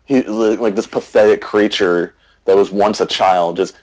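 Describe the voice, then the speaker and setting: A man's voice: lowish voice, steady tone, moderate pace, background noise. A man co-hosting a casual podcast, laid-back and swearing freely as he talks about a game. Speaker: podcast co-host.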